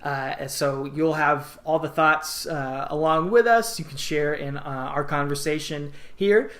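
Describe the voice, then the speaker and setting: A man's voice: fairly high pitch, unhurried, fairly bright tone. A man co-hosting a podcast in casual chat, upbeat and reading out plugs with lots of filler words. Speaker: podcast co-host.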